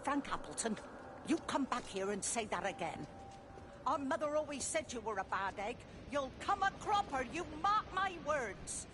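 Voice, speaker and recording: Sharp-tongued old village woman, scolding, game music under it. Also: high voice, big pitch swings, normal speed. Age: older. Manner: tart, scolding.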